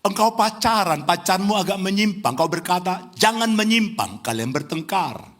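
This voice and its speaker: A middle-aged man from Indonesia preaching a lively sermon in a church, teasing the congregation and rising to near-shouts. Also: high voice, normal speed. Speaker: pastor. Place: church hall.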